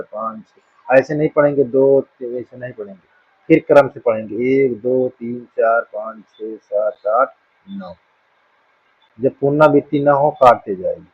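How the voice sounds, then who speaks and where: Man, maths teacher, patient step-by-step explaining, husky, muffled lo-fi recording. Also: medium pitch. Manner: patient, checks in with "thik hai na" often. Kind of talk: blackboard maths lesson. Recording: dull dry lo-fi room sound.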